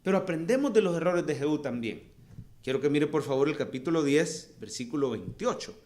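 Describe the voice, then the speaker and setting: A middle-aged man with a Salvadoran accent preaching a sermon, moving between soft storytelling asides and rising calls to the congregation. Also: fairly high pitch, lively intonation, brisk. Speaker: pastor.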